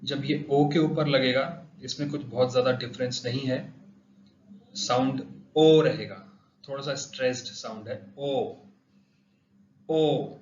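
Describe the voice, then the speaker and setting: A man's voice: medium pitch, steady tone, normal speed, a little hiss or hum. A man teaching pronunciation, saying each example word twice for drilling. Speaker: language teacher. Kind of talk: pronunciation lesson. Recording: roomy, dull lo-fi sound.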